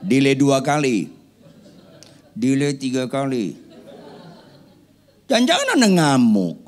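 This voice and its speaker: A man's voice: medium pitch, wildly swooping pitch, slow. A man preaching a sermon, firing rhetorical questions at the congregation with playful joking asides. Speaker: pastor.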